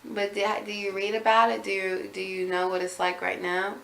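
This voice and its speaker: A woman conducting a casual interview. She asks short, probing follow-up questions in a relaxed, gently teasing way. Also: medium pitch, moderate pace, creaky. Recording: echoey room with faint background noise.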